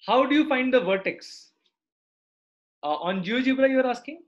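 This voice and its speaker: A middle-aged man with a South Indian accent runs a live online maths lesson, explaining step by step and often checking students follow with short tag questions. His pitch is extremely high, his delivery expressive and moderately paced. The audio is dull and lo-fi, like a computer mic on a video call.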